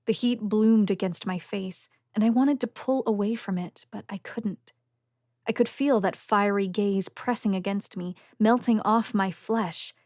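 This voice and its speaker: Woman, audiobook narrator, first-person reading, measured, soft whispered passages, middle pitch, dry close recording. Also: no room sound.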